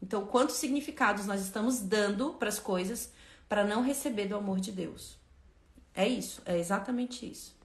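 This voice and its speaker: A woman's voice: mid-range voice, normal speed, roomy sound. A woman hosting a spiritual lesson on a live stream, speaking fervently and emphatically, repeating phrases and turning to her viewers.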